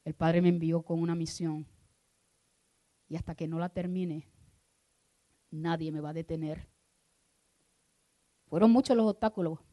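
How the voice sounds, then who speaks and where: A woman minister preaching a sermon, moving from hushed prayer to loud, fervent exhortation. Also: low voice, flat delivery, unhurried, long pauses.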